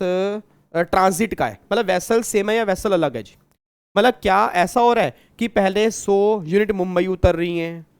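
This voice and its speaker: A man from India teaches customs law to an online class, keeping his voice high and smooth. He repeats each point and quizzes the students. He also teases them as he goes. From Kurukshetra, India. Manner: teasing, repetitive, asks the class questions. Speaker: tax teacher.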